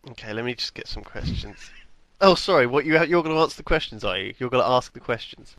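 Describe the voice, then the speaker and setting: Bright man rambling casually. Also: medium pitch, expressive, fast talker, dry recording, rough recording. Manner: easygoing, rambling, laughs often. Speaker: podcast co-host. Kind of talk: casual comedic chat.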